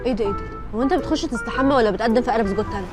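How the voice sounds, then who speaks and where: A woman's voice: on the high side, music in the background, lightly acted. A woman playing a teasing Egyptian wife. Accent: Egyptian Arabic. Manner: quick, soothing yet teasing. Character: pregnant young wife, teasing but calming. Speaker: pregnant wife. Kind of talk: TV comedy series acting.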